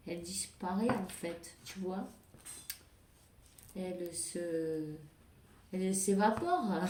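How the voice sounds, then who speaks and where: A woman's voice: on the low side, dark tone, slight background noise. A woman doing a casual spiritual card reading, hesitant with many fillers and restarts. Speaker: tarot card reader. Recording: echoey room.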